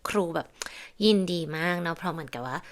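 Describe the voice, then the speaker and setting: A woman's voice: sits low, expressive, fast. A woman, teaching Italian grammar in an online lesson and patiently explaining and repeating her examples.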